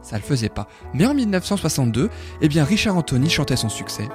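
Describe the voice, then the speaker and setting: A man hosting a radio music show, telling song stories in a lively, chatty way with many fillers. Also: fairly high pitch, fast. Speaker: radio host.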